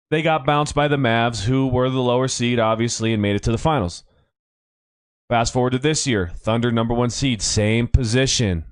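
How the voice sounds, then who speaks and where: A man's voice: mid-range voice, no echo. Guy with a kinda shot voice rambling about hoops, dry close sound. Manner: rambling, self-correcting, conversational. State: strained voice from yelling. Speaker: podcast host; youth coach. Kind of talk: casual sports talk.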